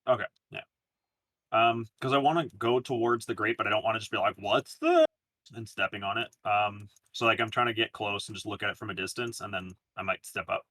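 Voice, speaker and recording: A man's voice: lowish voice, steady tone, fast, bright, forceful tone, dry recording. A man chatting casually as a player in a tabletop game, rambling and hesitant with many fillers.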